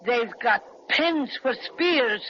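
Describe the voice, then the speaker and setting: A performer voicing a cheerful, chatty stuffed toy bear in a 1930s radio serial, with folksy speech. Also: female voice, fairly high pitch, lively intonation, takes it slowly, slight background noise. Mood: jolly. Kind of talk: 1930s radio drama acting. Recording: dull, lo-fi old radio recording.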